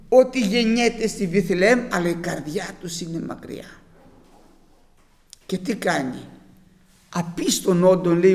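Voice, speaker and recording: A man's voice: high voice, long reverb tail. A man preaching a sermon, quoting scripture emphatically and firing off rhetorical questions.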